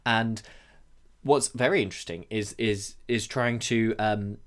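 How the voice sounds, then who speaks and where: A man co-hosting a wildlife podcast, explaining things thoughtfully with frequent pauses and restarts. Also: lowish voice, fairly bright tone. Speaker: podcast co-host. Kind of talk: conversational podcast discussion.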